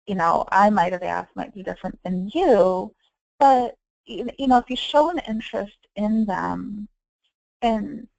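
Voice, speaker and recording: Woman teaching a class, kinda gravelly, chatty, acts out her client calls. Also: mid-range voice, lively intonation, measured pace, darkish tone, no echo, rough recording. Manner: conversational, acts out client calls with quoted dialogue. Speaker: Medicare counselor and trainer. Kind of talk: training presentation.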